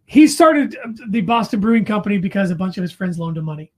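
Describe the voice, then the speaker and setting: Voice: medium pitch, expressive, quick pace. A podcast co-host chatting casually over beers, rambling through anecdotes and correcting themselves as they go.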